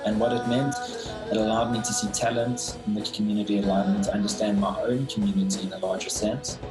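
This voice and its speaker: A man's voice: on the low side, level tone, fast talker, rough recording. A man from South Africa speaking earnestly and thoughtfully in an interview. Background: guitar music.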